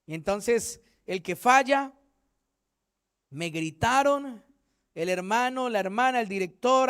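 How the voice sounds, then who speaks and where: A man's voice: very high-pitched, clear, resonant tone. A male pastor preaching a fervent Bible study sermon, acting out what church members say.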